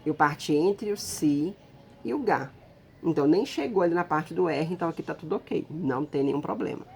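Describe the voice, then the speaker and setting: A woman's voice: sits low, fairly quick, vocal fry, a little mellow, a little hiss or hum. A woman teacher giving a recorded lesson, explaining patiently step by step and checking in with her students.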